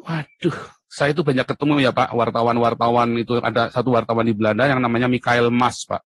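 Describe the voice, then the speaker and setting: A man being interviewed in casual conversation, animated and at times emphatic, almost shouting. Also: medium pitch, fast, dry recording. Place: abroad in Europe.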